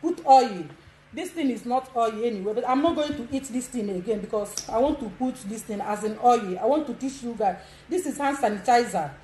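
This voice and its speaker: A woman's voice: on the high side, expressive, fairly quick, mellow, reverberant, slight background noise, rough recording. A Nigerian woman giving frank casual advice, laughing often and demonstrating as she talks. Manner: bold, laughing, demonstrative, mixes pidgin. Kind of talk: casual instructional chat.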